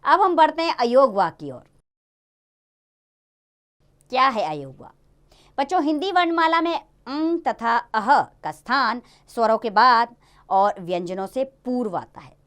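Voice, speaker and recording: A woman teaching a Hindi grammar lesson to young children in a lively, sing-song way. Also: a little high, a little slow, long pauses.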